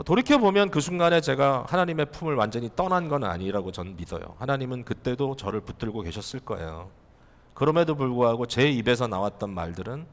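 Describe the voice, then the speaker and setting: A male pastor delivers a sermon with an animated, rising and falling voice, speaking directly to his congregation and posing rhetorical questions. His voice rings out with a long reverb, as in a church hall. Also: mid-range voice.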